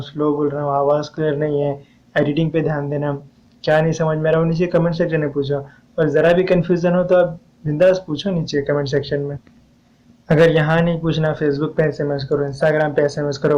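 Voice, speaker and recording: With a mellow voice on the higher side, a man teaches poetic meter and diction through a muffled recording. He takes a patient approach, repeating steps and inviting viewers to ask questions.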